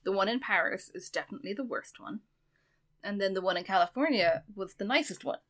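A woman's voice: mid-range voice, expressive, a little fast, a bit bright. Irish woman with an American-tinged accent. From Ireland. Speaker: podcast guest. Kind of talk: casual chat.

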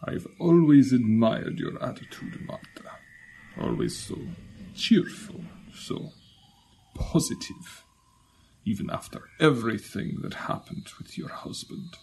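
A man playing a melancholy, courteous immortal gentleman in a radio comedy drama, halting and formal, with a gravelly, breathy voice. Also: mid-range voice, huge pitch swings, slight background noise, full character voice, poor audio. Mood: brooding, pointed. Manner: halting, formal, theatrically drawn-out.

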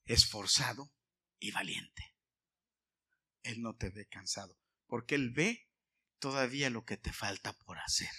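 A male pastor preaching a sermon to his congregation. He asks the listeners questions and swings from loud emphatic lines to quiet asides. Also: medium pitch, unhurried, long pauses, husky. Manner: asks the congregation questions, sings snatches of a hymn.

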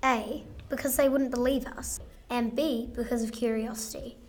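A woman's voice: fairly high pitch, steady tone, moderate pace, darkish tone, slight background noise, close to an everyday voice. A woman playing a young witness who snaps back while retelling a spooky event. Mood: defensive.

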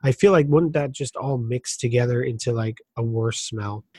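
A man's voice: medium pitch, moderate pace, a little mellow, breathy edge, no echo. A man co-hosting a casual podcast chat, making wry joking asides. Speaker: podcast co-host.

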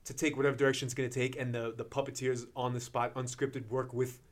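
New york guy chatting on a podcast, animated, laughs a lot, curses casually. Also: medium pitch, fast talker. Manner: does character voices. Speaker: podcast co-host. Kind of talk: casual chat.

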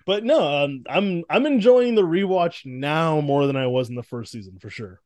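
Animated higher-voiced male podcast host. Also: moderate pace, dry recording. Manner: animated, laughing, mimics characters in quotes. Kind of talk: casual chat.

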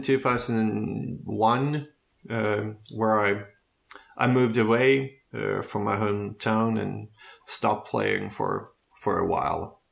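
This is a fairly low, gravelly male voice belonging to a Swede in his thirties. Speaking with a Swedish accent as a native speaker, he chats loosely on a podcast about his own background, thinking out loud.

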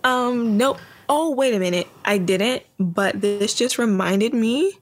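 A woman's voice: a little high, takes it slowly, soft background music. A young adult woman co-hosting a podcast, talking in a laid-back, dry, sarcastic way. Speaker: podcast co-host. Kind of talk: casual chat.

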